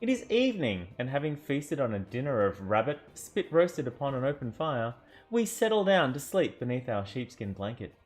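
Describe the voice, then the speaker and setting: A man's voice: medium pitch, big pitch swings, moderate pace, faint music behind. A man narrating an interactive fantasy adventure book aloud, theatrical, with joking asides and self-corrections. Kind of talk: dramatic storybook narration.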